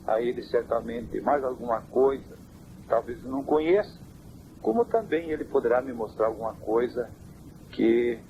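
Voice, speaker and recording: A church elder on a hissy, worn old cassette tape, answering questions about doctrine with measured, scripture-quoting speech. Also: male voice, medium pitch. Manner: measured, quotes scripture in a preaching cadence. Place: family home.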